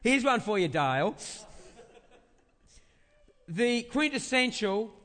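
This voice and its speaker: Very high and very animated, with a slightly bright edge, the big voice of this pastor carries a conversational sermon. He haltingly repeats phrases for emphasis and asks rhetorical questions while the large church reverberates.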